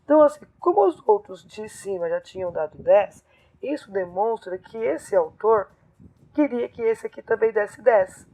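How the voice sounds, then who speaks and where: A woman teacher explaining poetry scansion step by step, counting syllables aloud in a lesson. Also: medium pitch. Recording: phone-like narrow sound.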